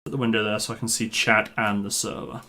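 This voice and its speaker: A man's voice: on the low side, flat delivery, fast talker, bright, forceful tone. A man live-streaming a game, chatting casually and informally with his viewers in a matey way. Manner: matey, informal address to the group. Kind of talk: casual live gaming commentary, chat with viewers.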